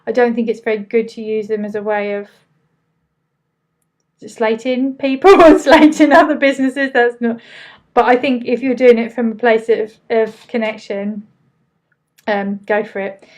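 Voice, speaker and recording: A woman with a fairly high voice and an Essex accent leads a live online training. She talks in an informal, chatty way, taking questions as they come and answering them casually, with words a little loosely pronounced. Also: level tone, normal speed, darkish tone. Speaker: business trainer hosting a live Q&A.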